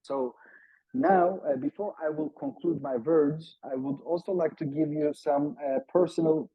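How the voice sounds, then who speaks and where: Over a video call, a native Turkish speaker from Turkey gives an earnest seminar talk, hesitant and full of filler sounds, in a Turkish accent. His voice sits on the high side, unhurried with a breathy edge. The audio is dull and lo-fi from the video call microphone, with no echo.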